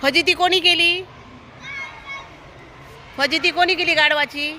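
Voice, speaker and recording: A woman teacher with a high, bright voice tells a story to a class of young children. She keeps firing questions at them and coaxes answers out of them, giving firm, cheerful instructions. Faint children's chatter and street noise sit behind her. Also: steady tone, takes it slowly. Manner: asks the children constant questions, coaxing answers. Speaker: primary school teacher. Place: school, with outdoor traffic noise behind.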